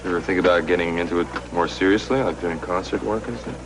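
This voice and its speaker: An actor playing a friendly grown son in a television soap opera, casual, sincere and a little hesitant. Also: male voice, deep voice, steady tone, fast, noisy background, lightly acted. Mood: friendly, curious. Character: friendly grown son, back at his family home. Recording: clear background music under dialogue.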